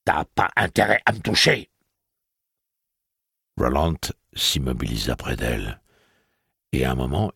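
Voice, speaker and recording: Very deep, gravelly audiobook narrator. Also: male voice, no room sound, studio quality. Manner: steady, even storytelling. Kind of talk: scripted narration.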